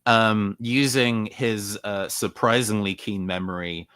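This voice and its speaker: A man playing a tabletop role-playing game, relaxed as he describes what his character does, with some fillers. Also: lowish voice, slow pace, clear, resonant tone, dry recording. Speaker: player.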